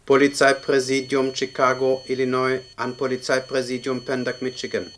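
This is an older German radio drama with noticeable background noise, where a male actor reads police documents as a dry, formal official. He speaks in a natural, mid-range voice at normal speed, monotone and formal, voicing every punctuation mark aloud.

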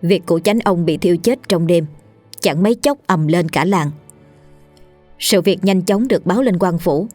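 A woman with a low voice tells a ghost story in a steady, dramatic way. The recording is dry and close, with soft music running underneath. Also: normal speed, no room sound. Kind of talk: scripted ghost story narration. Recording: dry studio voice with faint music.

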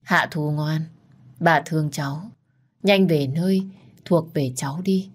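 A woman's voice: low voice, measured pace, husky. A woman voicing a kind old grandmother spirit who speaks tenderly to her granddaughter. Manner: tender, coaxing.

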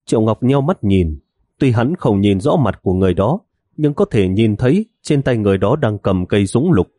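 A man narrating a novel in an even, steady storytelling manner. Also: on the low side, normal speed, dry recording, studio quality. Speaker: audiobook narrator.

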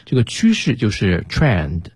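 A man's voice: lowish voice, huge pitch swings, unhurried, darkish tone, husky, no room sound. A man co-hosting a radio English lesson, giving chatty explanations of words to listeners. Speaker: co-host teacher. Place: radio studio.

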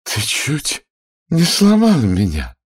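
A man's voice: medium pitch, wildly swooping pitch, takes it slowly, breathy edge, voice pushed up, full character voice. A man voicing a hot-tempered, lustful noblewoman in a shrieking, breathless voice. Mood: gushing.

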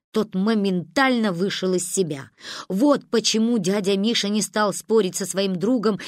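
A woman narrating a family story aloud, acting out the quoted lines of the family members with big jumps in pitch. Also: no echo, studio quality. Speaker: audiobook narrator. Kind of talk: scripted narration with voiced dialogue.

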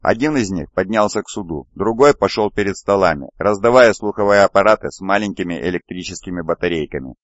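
Low-voiced male audiobook narrator. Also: lively intonation, fast talker, hardly any pauses, dry recording, highs cut off. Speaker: audiobook reader. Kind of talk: scripted narration.

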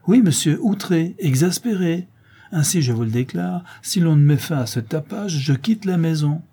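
A man doing a gruff, exasperated old gentleman. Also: on the high side, lively intonation, normal speed, pitched above the performer's own voice. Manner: impatient and blustering, voice rising. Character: irritable, gruff older gentleman tenant.

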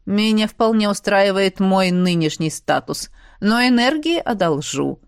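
A calm, reserved swordsman god who speaks evenly and a little evasively, as a woman reader lowers her voice for him. He sounds steady and unhurried. The audiobook sound is dry and close. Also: no echo, natural voice. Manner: calm, evasive, low-key. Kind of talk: audiobook character voice.

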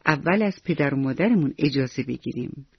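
A woman's voice: a bass voice, lively intonation, husky, dry recording, exaggerated voice. A woman doing an eager little boy. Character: eager polite young boy. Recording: dull lo-fi radio recording.

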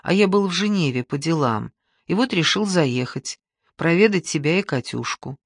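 An audiobook narrator voices a pushy middle-aged man with an easy, smooth-talking charm. His voice dips lower when he coaxes and wheedles. The read is dry and close to the mic. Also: animated, moderate pace, dry recording. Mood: breezy. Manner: breezy, wheedling, then pleading. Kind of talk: audiobook reading.

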